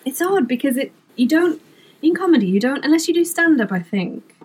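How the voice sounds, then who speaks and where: This middle-aged comedy writer from Wales, a native Welsh speaker, chats as an interview guest about her writing, laughing a lot and poking fun at herself. Here her voice sits high and sounds expressive and fairly quick, with a slight hiss or hum in the recording.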